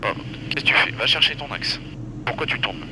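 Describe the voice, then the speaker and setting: A man's voice: medium pitch, animated, a little fast. A man giving blunt, informal in-cockpit coaching as a flight instructor, repeating short commands. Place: small aircraft cockpit in flight. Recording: very loud aircraft engine noise. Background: loud propeller plane drone.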